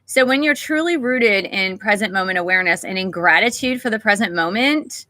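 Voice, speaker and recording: Woman host of a spiritual livestream, bright, close dry sound, unhurried and gentle, welcomes chat viewers. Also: mid-range voice, animated, no room sound. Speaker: meditation teacher and channel host. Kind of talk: livestream talk before a guided meditation.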